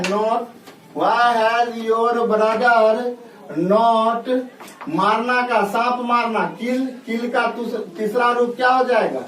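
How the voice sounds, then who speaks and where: Man, teacher, very high voice, distant from the mic, dictates word by word. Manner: asks the class rhetorical questions, dictates sentences slowly word by word. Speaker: English teacher. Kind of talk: classroom grammar lesson. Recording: echoey room, voice from a distance, faint noise.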